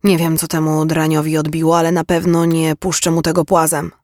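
A remorseful older father speaks quietly and earnestly, measured and firm, as read by a man. The sound is dry and close, with no room around it. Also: a little high, completely flat delivery, no echo, close to an everyday voice. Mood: pleading. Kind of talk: audiobook character reading.

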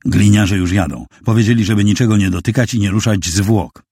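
A man's voice: lowish voice, a little fast, dark tone, husky, no echo, clean studio sound. A man voicing a shaken young man who reports urgently on the phone. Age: young adult.

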